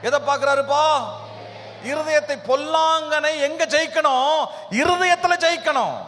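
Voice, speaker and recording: A man with a Tamil Nadu accent preaches to a youth gathering, his voice very high and bright. He keeps throwing questions at the listeners and bursts out loud now and then. The sound rings with a long reverb from a big hall. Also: slight background noise. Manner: questions the crowd often, with sudden loud bursts. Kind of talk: sermon. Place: large hall at a hillside camp.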